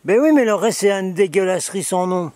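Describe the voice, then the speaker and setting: A man's voice: sits high, a little fast, darkish tone, dry recording. A man hosting his own video in a casual, sarcastic, rambling monologue, chatting with his camera operator. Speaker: video host.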